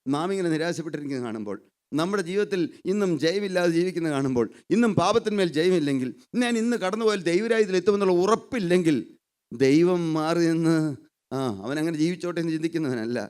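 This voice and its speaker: Guy preaching a sermon, high voice, fervent and pleading. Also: animated, fast, darkish tone, clear, resonant tone.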